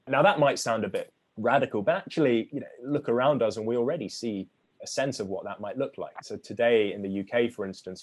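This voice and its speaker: Measured man explaining ideas. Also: lowish voice, a little mellow. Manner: measured, lecturing with frequent restarts. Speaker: author guest.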